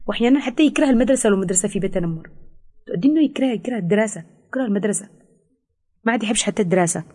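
A woman with a Yemeni Arabic accent, a counselor explaining things in an interview, fast with frequent hesitations. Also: mid-range voice, lively intonation, darkish tone, husky. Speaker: teen counselor. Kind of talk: expert interview answers.

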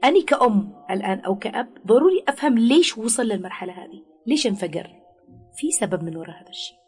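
A woman's voice: on the high side, lively intonation, fast talker, a little mellow, faint music behind. A woman giving parenting advice in an interview, explaining patiently and acting out what parents might say to a child.

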